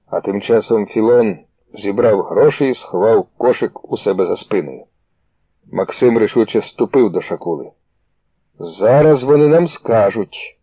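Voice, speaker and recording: A man narrates a story in a steady, measured way, with a low, husky voice. The sound is tinny and phone-like, dry with no room echo. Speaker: audiobook reader.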